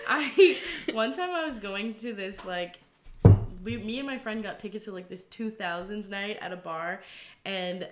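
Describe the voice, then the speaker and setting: A woman co-hosting a casual comedy podcast, telling stories in an animated way. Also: medium pitch, unhurried, very noisy. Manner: animated storyteller. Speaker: podcast co-host.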